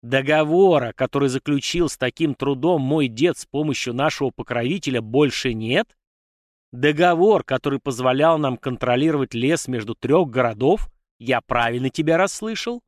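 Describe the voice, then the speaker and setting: A man acts out a grey-haired clan lord of great age, loud and wrathful, barking his questions in a raised, strained voice. He is imperious and commanding, like someone used to being obeyed, recorded close and dry as a storybook reading. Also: fairly high pitch, normal speed, few pauses, no room sound, lightly acted. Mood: menacing. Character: furious old grey-haired clan patriarch.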